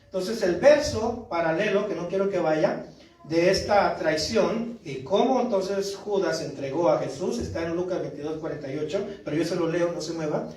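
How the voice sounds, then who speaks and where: A man's voice: on the high side, moderate pace, a little mellow. A man preaching as a pastor, reading scripture aloud and often asking his congregation "¿verdad?". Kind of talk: sermon. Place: church hall. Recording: echoey church hall from far off.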